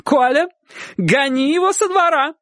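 A man voicing a fierce middle-aged aunt who screams at an intruder in a shrill, high voice. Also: a little slow, fairly bright tone, no room sound, clean studio sound. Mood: enraged shrieking.

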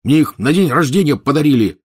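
A man reading an audiobook, voicing a hot-headed teenage boy wizard who swings from hushed dreaminess to shouting. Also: deep voice, fairly even intonation, a little slow, breathy edge. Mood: furious.

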